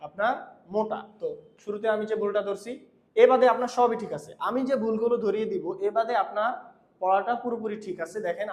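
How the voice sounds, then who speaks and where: Man teaching recitation in an echoey room. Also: high-pitched. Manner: repeats phrases slowly, correcting pronunciation. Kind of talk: patient tutoring lesson.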